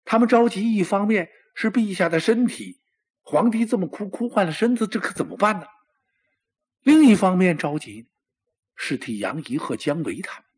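A man's voice: animated, moderate pace, a little mellow, slightly rough. A man performing traditional Chinese storytelling in a dramatic, exclamatory manner. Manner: dramatic, exclamatory, with lots of pitch swings.

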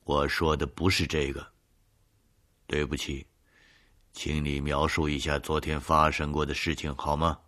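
A man voicing a calm male police detective who questions people in a quiet, measured way. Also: a bass voice. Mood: cool.

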